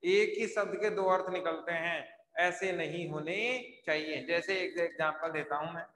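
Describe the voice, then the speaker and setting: A male teacher with a fairly bright voice on the high side runs a live online class at a moderate pace, his delivery flat. He keeps asking his students questions and answering them himself while writing on a board. The room is echoey with long reverb, and there's slight background noise.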